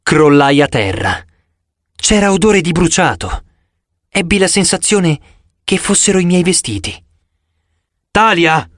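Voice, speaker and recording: Male storyteller, fairly high voice, lively expressive reading. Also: measured pace, no echo, clean studio sound. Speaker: audiobook narrator. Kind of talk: scripted first-person narration.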